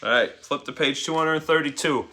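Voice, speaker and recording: A man's voice: on the high side, normal speed, bright, forceful tone, a little hiss or hum. A man teaching a class, reading a story aloud and urging students by name to keep up. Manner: coaxing students to keep up, calling names.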